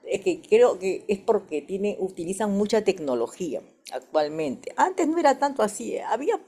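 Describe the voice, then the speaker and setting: A woman's voice: medium pitch, sing-song, normal speed, warm tone. A woman teacher agrees with a colleague during a staff workshop. She hesitates often, filling with "este" and tagging her sentences with "¿no?". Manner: hesitant, many "este" fillers and "¿no?" tags.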